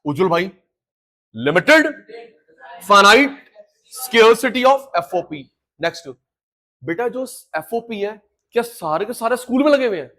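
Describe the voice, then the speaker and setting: High-voiced man drilling an economics class. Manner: energetic, drills students with call-and-response repetition; mixes Hindi and English terms. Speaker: economics teacher. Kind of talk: live class lecture.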